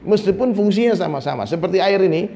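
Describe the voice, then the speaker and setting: A preacher from Minangkabau, West Sumatra, gives a conversational dawn sermon, repeatedly calling listeners "Pak," joking, and mimicking people. His voice is high, expressive, quick, and mellow, recorded with faint noise and a long reverb from the echoing hall.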